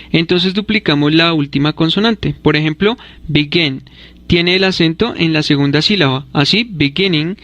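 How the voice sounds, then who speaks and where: Hombre con voz algo aguda, explicación clara. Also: male voice, fairly high pitch, fairly bright tone, no room sound. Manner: clear, measured explanations, spells out letters. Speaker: English teacher. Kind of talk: scripted grammar lesson narration.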